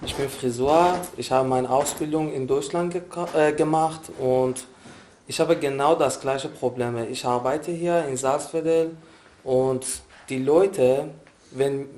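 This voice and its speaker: A man's voice: on the high side, a little mellow. Matter-of-fact man from Iran. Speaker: hairdresser.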